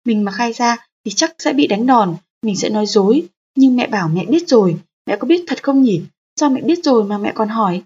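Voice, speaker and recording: A woman's voice: fairly high pitch, lively intonation, moderate pace, few pauses, a little mellow, breathy edge, lo-fi sound. A woman reading an audiobook voices the anxious inner thoughts of a frightened young child. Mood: fearful. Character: frightened small child thinking to itself.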